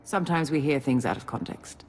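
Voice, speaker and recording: A woman's voice: a bass voice, a little fast, a little mellow. A woman playing a stern, businesslike Imperial military officer in a video game, briefing with authority. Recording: long hall reverb.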